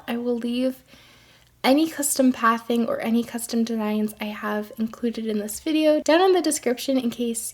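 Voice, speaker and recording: A woman chatting casually through gameplay commentary, her throat a little congested, often correcting herself mid-sentence and gushing over cute things. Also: fairly high pitch. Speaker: gaming video creator.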